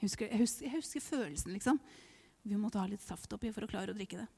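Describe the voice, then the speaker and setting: A woman's voice: mid-range voice, lively intonation, gravelly, warm tone. A middle-aged woman preaching a personal testimony, emotional, laughing through tears and dropping to whispers. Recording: hall reverb.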